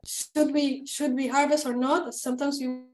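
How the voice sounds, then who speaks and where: A woman's voice: high voice, flat delivery, darkish tone, faint music behind. A woman winemaker with a Chilean Spanish accent, speaking on a video call whose internet audio keeps cutting out and repeating words. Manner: halting, with many fillers and restarts. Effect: choppy, cutting-out internet audio with repeated words. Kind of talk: presenting a wine at an online tasting.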